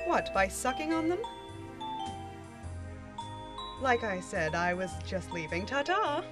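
A woman voicing a bossy, overachieving suburban housewife who talks in a brisk, breathless rush. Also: mid-range voice, expressive, music in the background, lightly acted. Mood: awkward. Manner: brisk and breathless, then clipped and awkward.

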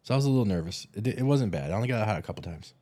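A podcast co-host, a man with a very low voice, tells easygoing stories full of restarts. He sounds tired after a red-eye flight. The recording is dry and close, with no room sound. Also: animated, very fast, dark tone, husky, no room sound. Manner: laid-back storyteller, frequent restarts. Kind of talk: casual chat.

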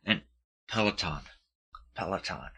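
A man's voice: deep voice, lively intonation, a little slow, bright, forceful tone, breathy edge. A man chatting casually, rambling and hesitant, often searching for words. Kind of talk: casual chat.

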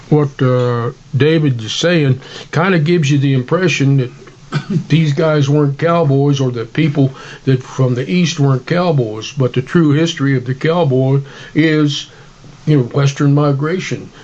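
Male co-host, higher-pitched, folksy and rambling, informal history chat, slightly muffled recording. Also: unhurried, darkish tone. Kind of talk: casual history discussion.

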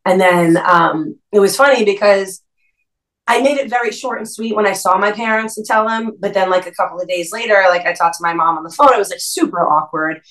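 A woman in her thirties with a New Jersey Italian-American accent, a podcast guest telling a story in an animated way and saying "like" a lot. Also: mid-range voice, a little fast, distant mic, low-quality recording. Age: 30s. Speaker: podcast guest, restaurant co-owner. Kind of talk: casual chat.

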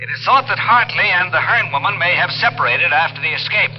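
Figure: urgent radio announcer. Pitch: high. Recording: dull old radio. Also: male voice, animated, fast, slight background noise. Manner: clipped, urgent bulletin delivery. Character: brisk, official male radio announcer.

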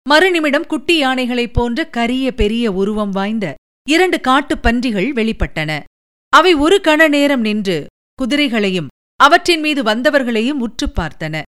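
A woman narrating an audiobook of a historical novel in an even, measured storytelling manner. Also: on the high side, smooth.

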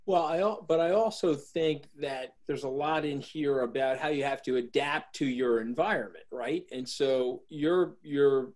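A man's voice: medium pitch, a little slow, hardly any pauses, a little mellow. A man hosting a casual interview, prompting his guest with questions in a conversational way. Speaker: interview host.

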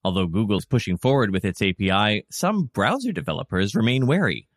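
A man's voice: lowish voice, big pitch swings, a little fast, no room sound, clean studio sound. A man hosting a news podcast, delivering scripted reports and casual asides as a presenter.

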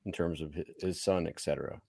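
A man co-hosting a podcast, chatting casually and jokily, full of "like" and quick restarts. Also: sits low, steady tone, gravelly, a little mellow, dry recording, studio quality. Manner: jokey, chatty, lots of "like" and restarts. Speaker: podcast co-host. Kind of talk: casual chat.

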